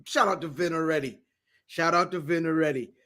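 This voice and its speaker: A man talks on a podcast in a relaxed, rambling way. His voice sits a little high, and he keeps dropping "you know what I'm saying" into his slangy stories. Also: brisk. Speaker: podcast co-host. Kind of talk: casual chat.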